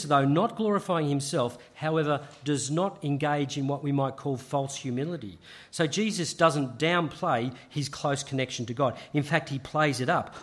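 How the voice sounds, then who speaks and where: A man preaching a sermon, measured and emphatic, with frequent restarts. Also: fairly high pitch, fairly bright tone.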